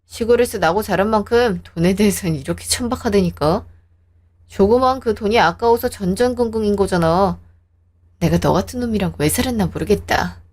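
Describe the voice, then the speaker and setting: A woman's voice: medium pitch, a little fast, darkish tone, lightly acted. A woman voicing a defensive, hot-tempered young husband who talks in a sneering, combative way.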